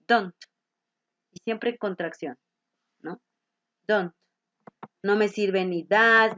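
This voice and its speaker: A woman's voice: medium pitch, muffled recording. A woman teacher explaining grammar to a class, patiently checking in with her students as she goes. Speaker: English teacher.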